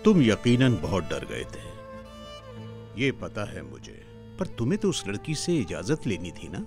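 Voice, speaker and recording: एक अभिनेता एक समझदार, नरमी से डाँटने वाले बुज़ुर्ग का किरदार निभाता है।. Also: male voice, fairly low pitch, big pitch swings, music in the background. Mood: calm. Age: older. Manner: measured, gently admonishing. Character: calm, wise older man, gently stern. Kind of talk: television drama acting.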